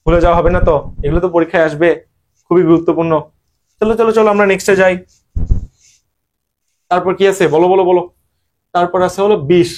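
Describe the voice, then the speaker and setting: A man's voice: high-pitched, little pitch movement, quick pace, long pauses, a little mellow. A young man with a Bangladeshi Bengali accent teaching English grammar in an online admission-prep lesson, drilling students with rhetorical questions.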